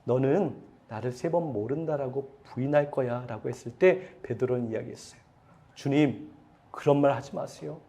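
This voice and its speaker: A man's voice: mid-range voice, normal speed, dark tone. A man preaching a sermon as pastor, speaking to his congregation with strong feeling and asking them questions. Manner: emotional preaching, voicing quoted pleas with swelling intensity; addresses congregation directly, asks questions.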